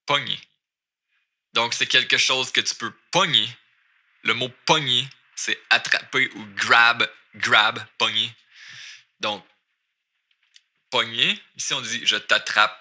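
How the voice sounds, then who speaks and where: A man's voice: medium pitch, fairly even intonation, pushed and bright. A man with a Québécois accent teaching French, explaining lyrics line by line and switching between French and English. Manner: mixes French and English, repeats words slowly.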